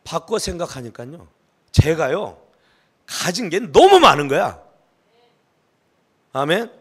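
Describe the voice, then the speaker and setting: A middle-aged male pastor preaching a sermon, emphatic, swinging from hushed asides to shouted pleading. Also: on the high side, big pitch swings, slow, breathy edge.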